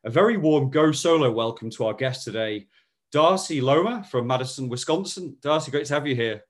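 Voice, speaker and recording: A man hosting a business podcast, reading an upbeat intro and then leading the interview with lively, promotional enthusiasm. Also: mid-range voice, brisk. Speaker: podcast host.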